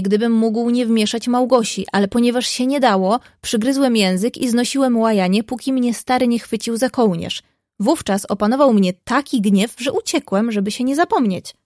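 A woman reading the part of a proud, hot-tempered young gentleman who speaks stubbornly and with indignation. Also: fairly high pitch, dry recording, studio quality, natural voice.

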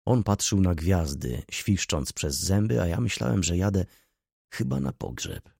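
A man narrating a classic novel as an audiobook in a measured, expressive reading. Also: sits low, vocal fry, slightly rough, no echo, studio quality.

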